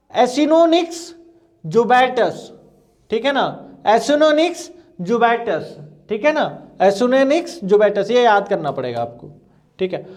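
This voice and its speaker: Male teacher, really high voice, drills terms and keeps asking "clear?" on a live class. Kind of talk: live online exam-prep class.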